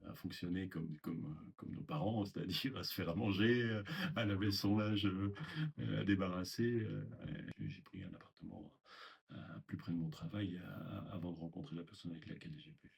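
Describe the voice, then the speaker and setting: A man's voice: sits low, vocal fry, breathy edge. An older man giving a reflective interview testimony about his past, speaking hesitantly with many fillers and restarts. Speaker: former resident interviewee.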